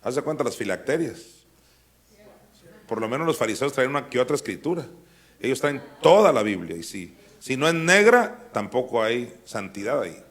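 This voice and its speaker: A mid-pitched man teaching scripture verse by verse. He keeps it conversational, puts questions to his listeners, then pushes his voice up into emphatic peaks. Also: sing-song, moderate pace, fairly bright tone. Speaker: apostle teaching a Bible school.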